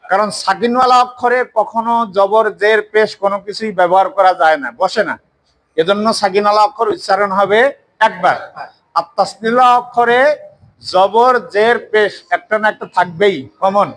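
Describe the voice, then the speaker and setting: Sex: man. Role: Quran teacher. Pitch: high. Style: classroom recitation lesson, drilling sounds and answering his own questions. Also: fairly even intonation, normal speed, fairly bright tone, rough recording. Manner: drills pronunciation, asks questions and answers them himself. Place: mosque classroom.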